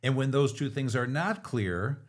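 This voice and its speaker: A middle-aged man co-hosting a podcast, explaining ideas in a relaxed teacher's manner. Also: medium pitch, a little slow. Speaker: business author and podcast co-host. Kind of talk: casual podcast talk.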